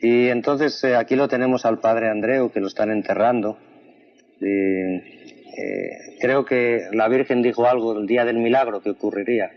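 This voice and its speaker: A man's voice: mid-range voice, lively intonation, normal speed. A man, a doctor, interviewing a guest in an earnest, conversational way and often repeating back her answers. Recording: dull lo-fi recording.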